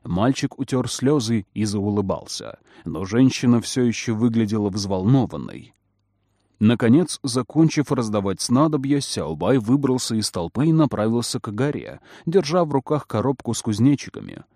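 A man narrating a storybook aloud with expressive, varied intonation. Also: medium pitch, moderate pace, no echo, clean studio sound. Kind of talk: storybook reading.

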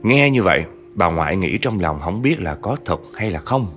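A male storyteller with a lowish voice, telling the tale in a chatty style and turning often to his listeners. Faint music runs under his narration. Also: expressive, normal speed, a bit bright. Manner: chatty, addresses listeners directly. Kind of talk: narrating a true spooky family story.

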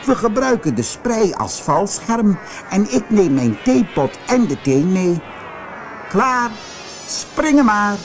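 A feisty, headstrong old aunt from a storybook, as a man puts her on, brash and bossy with a high, lively voice that leaps up and down. Soft music plays behind her. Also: slow, heavily acted.

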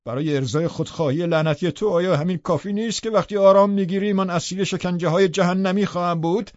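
A man's voice: high voice, darkish tone, dry recording, lo-fi sound, pitched above the performer's own voice, lightly acted. A man doing a furious, anguished young lover. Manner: raised, harsh, anguished outbursts.

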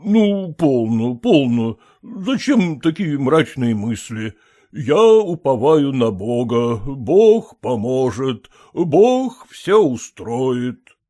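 A sentimental aging nobleman, pleading and tearful, warm dark tone, slow, lively. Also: medium pitch. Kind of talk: audiobook character reading.

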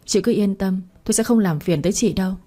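A woman's voice: medium pitch, quick pace, warm tone, lightly acted. A woman voicing a frightened young woman who pleads urgently. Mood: pleading.

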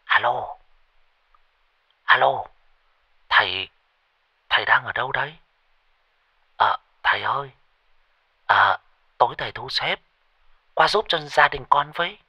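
A man's voice: medium pitch, takes it slowly, pauses often, pushed and bright, no room sound, muffled recording, heavily acted. A man voicing a worried young woman who hesitates and pleads for help. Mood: anxious.

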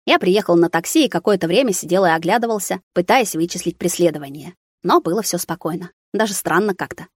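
A woman reading a first-person novel aloud in a measured, steady way. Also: fairly low pitch, no room sound, studio quality. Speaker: audiobook reader. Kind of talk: scripted first-person narration.

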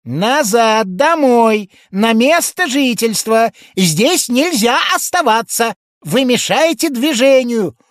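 A man's voice: very high voice, animated, slow pace, dry recording, clean studio sound, voice pushed up, heavily acted. Man doing a stern insistent policeman. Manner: firm, insistent orders. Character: stern officious male London policeman.

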